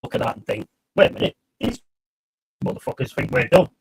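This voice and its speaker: A man chatting casually about football over an online call, his voice coming through glitchy, robotic and metallic. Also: brisk. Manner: blunt, swearing, matey banter. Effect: robotic, metallic glitching call audio. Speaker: football fan co-host on a stream. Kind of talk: casual chat.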